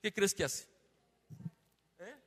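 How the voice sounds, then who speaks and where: A man's voice: slow, in a large hall. A man preaching a sermon in a conversational way, peppering the congregation with tag questions. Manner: loud and emphatic, then lowers his voice after being told he is shouting. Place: church hall. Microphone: handheld or stand microphone.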